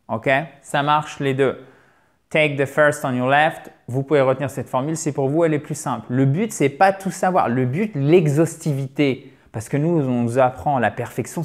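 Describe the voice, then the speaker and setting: A man teaching a relaxed online lesson, checking in often with a quick "ok?" and repeating key words slowly for drill. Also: fairly high pitch. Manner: frequent "ok?" check-ins. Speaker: English teacher.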